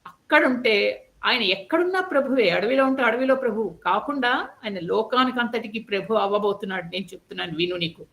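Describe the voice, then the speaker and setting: A woman storyteller voicing a steady queen who earnestly consoles her grieving co-wife. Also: mid-range voice, a little fast. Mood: consoling. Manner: earnest, persuasive, reassuring.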